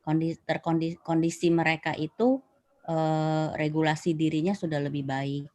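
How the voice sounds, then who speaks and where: Low-voiced woman moderating a webinar. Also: level tone, normal speed, darkish tone. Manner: polite, addresses panelists and parents in turn.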